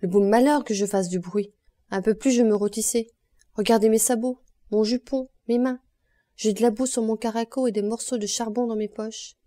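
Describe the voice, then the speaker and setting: A woman voicing an old female servant who protests in loud, indignant outbursts, in an audiobook. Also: fairly high pitch, fairly even intonation, brisk, few pauses, no echo, close to an everyday voice.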